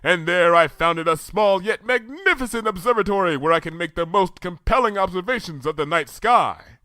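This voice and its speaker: A man puts on a loud, regal pony princess from a storybook, lifting his voice high and bright. She declares everything in grand archaic phrasing, with little patience. The sound is close and dry. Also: expressive, moderate pace, no room sound. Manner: archaic, booming proclamations.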